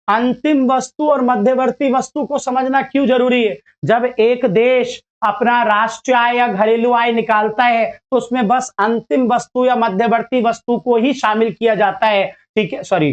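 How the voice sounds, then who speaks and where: A man's voice: very high-pitched, lo-fi sound. A male teacher giving a casual lecture to students, chatty and playful, acting out little dialogues as he explains.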